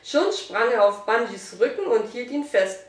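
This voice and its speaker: A woman narrating a children's storybook aloud in a steady, even reading voice. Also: fairly high pitch, normal speed. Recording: roomy, distant mic.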